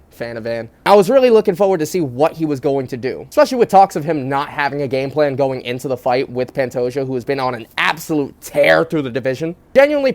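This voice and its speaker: A man speaking into wired phone headphones as a mic, giving casual, opinionated fight commentary in a slangy, blunt way with some swearing. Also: fairly high pitch. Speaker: sports commentary vlogger. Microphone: wired phone headphones used as microphone.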